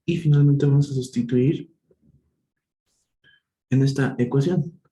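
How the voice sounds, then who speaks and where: Thinking aloud as he solves problems, a man leads a live online math tutoring session, correcting himself patiently and slowly. He has a mellow, mid-range voice with fairly even intonation. The recording carries room echo and faint noise.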